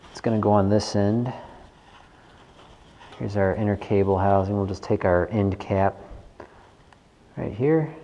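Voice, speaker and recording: This man's voice sits on the low side and is gravelly and mellow, with the highs cut off. As a bike mechanic host, he walks through a casual hands-on tutorial, informally thinking aloud while working in a big wooden workshop garage. An action camera on his body captures it, and the wooden space is echoey and noticeably noisy.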